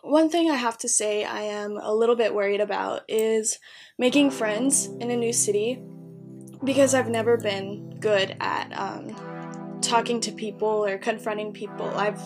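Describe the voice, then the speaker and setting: A young adult woman talks candidly in a casual personal vlog on YouTube, rambling a little and poking fun at herself. Her voice is on the high side, steady, and measured, with soft guitar music in the background.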